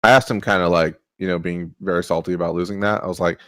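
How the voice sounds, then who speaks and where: A man's voice: low-pitched, fairly even intonation, quick pace, fairly bright tone, no room sound. A man casually explaining board game rules, rambling with many fillers.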